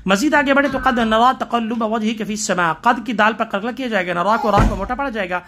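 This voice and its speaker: A man's voice: high-pitched, background noise. A man from Pakistan teaching tajweed, reciting verses and explaining each letter rule step by step, stopping now and then to correct himself.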